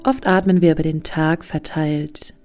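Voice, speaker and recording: A woman leading a guided meditation softly and soothingly, close to the listener's ear with breathy phrases and long pauses. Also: low-pitched, steady tone. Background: soft music.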